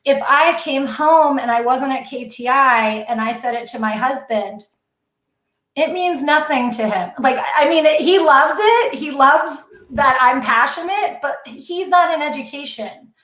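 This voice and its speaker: Excitable, high-voiced woman in echoey room. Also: unhurried. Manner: earnest, excitable, tearful at times. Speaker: guest educator. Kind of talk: emotional personal story on a podcast.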